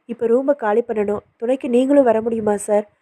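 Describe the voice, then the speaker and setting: A woman's voice: fairly high pitch, steady tone, normal speed, mellow, no room sound, lightly acted. A woman voicing an anxious young woman who talks politely and earnestly, in a storybook reading. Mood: pleading.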